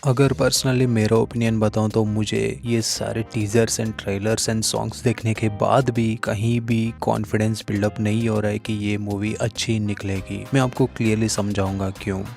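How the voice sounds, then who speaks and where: A man's voice: lowish voice, flat delivery, unhurried, gravelly, few pauses, darkish tone, faint music behind. A man casually giving a blunt, critical film review, mixing English phrases into his Hindi. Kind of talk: casual opinion vlog.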